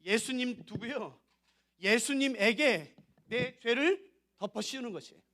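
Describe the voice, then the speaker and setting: A man's voice: very high voice, a little slow, bright, forceful tone. A man preaching at a revival service in a church, emphatic and direct with the congregation, often acting out little dialogues. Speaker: pastor. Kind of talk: revival sermon. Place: church sanctuary.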